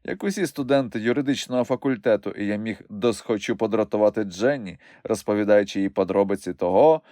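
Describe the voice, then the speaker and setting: A man reading a novel aloud as a first-person audiobook narrator, in an expressive, animated way. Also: fairly low pitch, fast, dry recording, studio quality.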